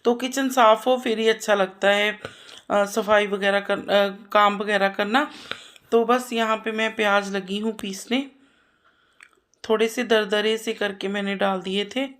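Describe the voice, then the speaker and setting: A woman's voice: medium pitch, steady tone, a little slow, fairly bright tone. A woman in her thirties, a mother narrating her household chores in a homely, chatty voice-over, repeating herself often. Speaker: vlogger and mother.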